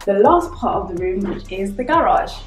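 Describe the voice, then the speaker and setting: A young woman with a medium-pitched, lively voice chats directly to her viewers at a moderate pace while walking them through empty rooms in a casual vlog house tour. The echoey rooms, distant mic, music and background noise all come through.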